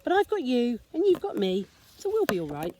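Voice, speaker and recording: A woman voicing a kind, steady male bear in a storybook read-aloud, calm and reassuring. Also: on the high side, a little fast, background noise, pitched above the performer's own voice.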